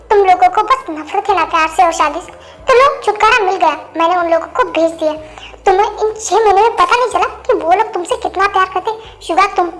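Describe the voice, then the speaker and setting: Very high-voiced woman narrating a fan story. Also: fairly bright tone. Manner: emotional, pleading delivery. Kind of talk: dubbed fan story reading, all roles.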